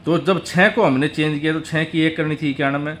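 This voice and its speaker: Slowly working through number patterns, a man hosts a tutorial in a chatty style, addressing his audience as brother and friends. His voice is on the high side, a bit bright, and steady in tone.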